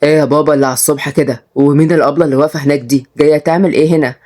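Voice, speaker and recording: A woman's voice: low-pitched, steady tone, rapid-fire, warm tone, voice pushed down. A woman voicing a lazy, snobbish young man with an Egyptian Arabic accent. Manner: snobbish, dismissive.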